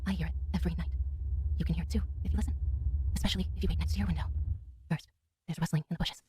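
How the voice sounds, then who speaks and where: A woman's voice: fairly low pitch, steady tone, very fast, mellow, a little hiss or hum, lightly acted. A woman voicing a theatrical puppet character who tells a spooky tale in a haunted, eerie manner for a storybook record. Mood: haunted, ominous.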